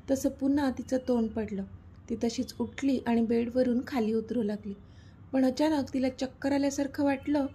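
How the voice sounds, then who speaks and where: A woman narrating a serialized romantic story in a steady, expressive reading. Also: fairly high pitch, slight background noise.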